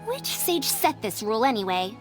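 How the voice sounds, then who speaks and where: A woman's voice: a little high, big pitch swings, moderate pace. An actress voicing a prim, fussy female elder scholar who talks in a lofty, scolding way, in game audio. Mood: indignant. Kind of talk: game voice acting. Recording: game audio with faint music.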